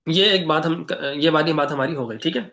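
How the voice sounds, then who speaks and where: High, bright-voiced Pakistani religious teacher. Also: male voice. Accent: Pakistani Urdu. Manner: conversational, asks the class questions; recites Arabic prayers slowly. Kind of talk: online Quran class lecture.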